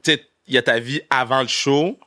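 A man's voice: mid-range voice, brisk, bright, forceful tone, dry recording. A man with a Québécois French accent hosting an interview in a studio, asking eager questions in casual slangy speech. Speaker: interviewer host.

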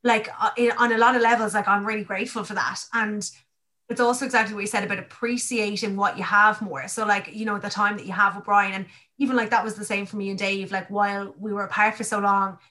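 An Irish-accented woman hosts a casual podcast chat, effusive and informal, often restarting her sentences. Her mid-range voice is steady and sharp, and she talks quickly.

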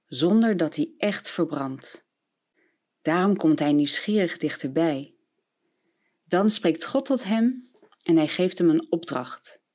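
A woman's voice: on the low side, darkish tone. A woman from the Netherlands sharing a personal story as a reflection on a Bible passage, in a conversational way.

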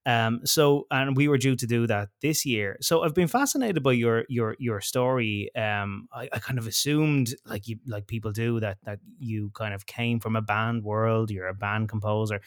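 A man hosts a casual interview, asking eager questions and restarting his sentences often. His voice has an ordinary middle pitch. The sound is dry and close, with no room echo. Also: normal speed, few pauses. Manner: enthusiastic, stammering restarts. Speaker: interviewer, podcast host.

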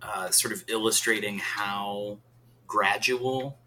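A man's voice: fairly low pitch, fairly even intonation, slow pace, bright, forceful tone, slight background noise, rough recording. A man discussing a book in a thoughtful, loose way with fillers.

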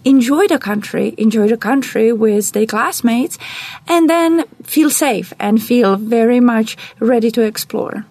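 A woman's voice: a little high, mellow, no echo. A middle-aged woman from the Czech Republic with a Czech accent, answering interview questions with enthusiasm in long, flowing answers. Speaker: guest, director of global programs. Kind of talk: podcast interview.

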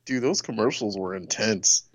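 A man co-hosting a casual podcast, bantering excitably and laughing often. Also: lowish voice, moderate pace, no echo, clean studio sound. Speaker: podcast co-host. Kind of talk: casual chat.

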